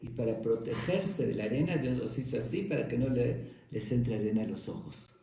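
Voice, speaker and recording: A rabbi voicing a patient, fatherly old sage who answers softly, in an echoey room. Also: medium pitch, brisk, vocal fry, lightly acted.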